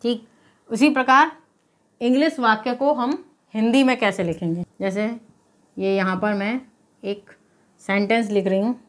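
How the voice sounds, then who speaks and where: A woman teacher explains spelling step by step, patiently asking questions and then answering them herself while checking in with a repeated "okay?". Her voice is a little high, her pace a little slow, and she pauses often.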